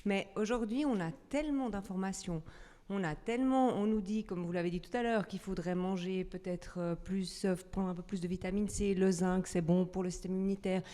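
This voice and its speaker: Female audience member, hesitant and wordy, mellow tone, reverberant hall. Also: medium pitch, fairly even intonation, fairly quick. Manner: hesitant, rambling, searching for words. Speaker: audience member asking a question. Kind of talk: question from the floor.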